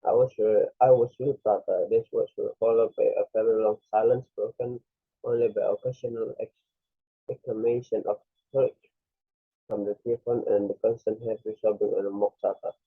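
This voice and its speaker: A man's voice: on the low side, level tone, breathy edge, no room sound. A man reading a storybook aloud, often stopping to correct himself. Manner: halting, self-correcting reading. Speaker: reader. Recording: dry, tinny phone-like recording.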